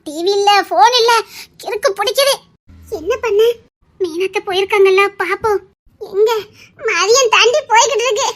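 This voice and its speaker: An actress with a Tirunelveli Tamil accent playing a frazzled, fed-up young woman who complains in a rushed way in a TV serial. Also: very high-pitched, a bit bright. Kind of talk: TV serial acting.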